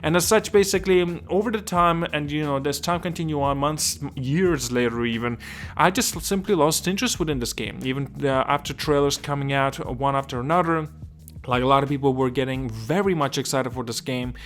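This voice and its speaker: A man's voice: fairly high pitch, a little fast, a bit bright, soft background music. A man from Estonia hosting a casual gaming video, rambling and restarting sentences while often asking whether he makes sense.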